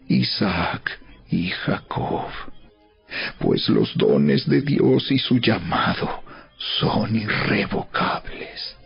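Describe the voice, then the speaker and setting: Solemn gravelly man narrating scripture. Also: on the low side. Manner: solemn, emphatic oratory with deliberate dramatic pauses. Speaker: Bible narrator. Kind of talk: dramatized scripture narration, preaching a letter aloud. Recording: dull recording with music behind. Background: background music.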